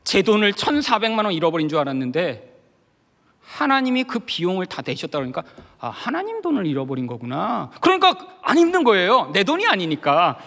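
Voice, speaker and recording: A middle-aged pastor with a high, bright, ringing voice tells his own story from the pulpit. He drops to a hush, then climbs into loud, emotional outbursts. A long reverb from the large sanctuary trails each phrase. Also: big pitch swings. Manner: softly sings a hymn's lines slowly. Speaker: guest pastor. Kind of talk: sermon with personal testimony.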